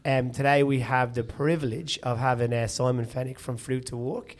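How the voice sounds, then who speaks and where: A man's voice: medium pitch, level tone, moderate pace. A man in a studio co-hosts an interview podcast in a mid-range voice. He talks casually and upbeat, rambling through long questions. His tone stays friendly and loose throughout. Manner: rambling, lots of fillers and restarts, upbeat. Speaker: podcast co-host.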